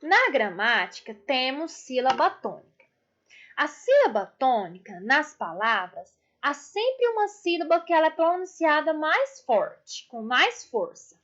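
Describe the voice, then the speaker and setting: A Brazilian woman teacher talks to young pupils in a high, slow, patient voice. She draws out her explanations and checks in warmly with the kids. The recording sounds muffled and lo-fi. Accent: Brazilian Portuguese. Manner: affectionate, drawn-out explanations for children. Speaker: primary school teacher. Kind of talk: online class lesson. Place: indoors, construction noise nearby.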